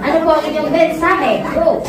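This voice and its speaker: High-voiced woman emceeing over a PA system. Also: normal speed. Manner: polite, upbeat crowd-directing. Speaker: event emcee. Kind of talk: emceeing a birthday party. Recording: echoey hall from far off, loud crowd. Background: chattering party crowd.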